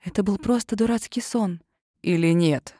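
A menacing male kidnapper who is really a serpent monster, hissing his threats in low sinister whispers, as a woman reading the story puts him on. The sound is dry and close, with a middle pitch for a storybook villain. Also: normal speed, mellow, no room sound, close to an everyday voice.

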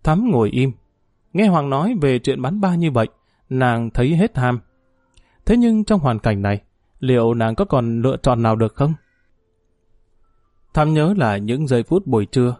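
A man narrating an audiobook in a slow, mournful storytelling manner. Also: mid-range voice, mellow, no room sound, clean studio sound. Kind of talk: scripted narration.

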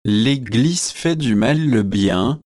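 A man reading the lines of an eager, provocative young male student in a storybook, in a slow, measured way. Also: mid-range voice, expressive, a little mellow, no room sound, studio quality. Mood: arguing.

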